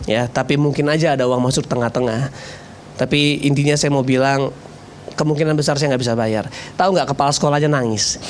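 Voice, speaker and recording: A male pastor preaching in a lively storytelling way, joking and poking fun at himself. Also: mid-range voice, a little hiss or hum. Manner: lively, joking, self-mocking. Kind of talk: storytelling sermon.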